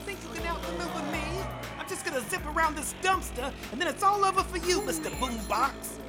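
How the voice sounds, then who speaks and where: A woman's voice: very high-pitched, expressive, brisk. A woman voicing a fussy, scheming old grandma spider in a cartoon, with a dramatic, scolding manner. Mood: irate, scolding. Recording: loud music behind the voice.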